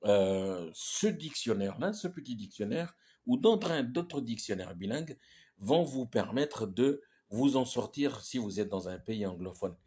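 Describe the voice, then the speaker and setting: A man teaching English pronunciation in French, talking in a halting way with many restarts and checks like "ok?". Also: mid-range voice, animated, dark tone, breathy edge. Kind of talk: casual spoken lesson.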